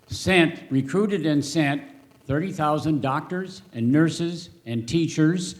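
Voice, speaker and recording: An older man rises from the audience to ask a question. He speaks formally and deliberately, choosing his words with care. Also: on the high side. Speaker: audience member asking a question.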